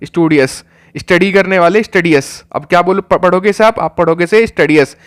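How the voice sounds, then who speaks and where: Young man, exam coaching teacher, chatty and repetitive, quizzes listeners, smooth clear voice. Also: high voice, brisk. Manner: chatty, repeats words and quizzes the viewer. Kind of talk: vocabulary lesson.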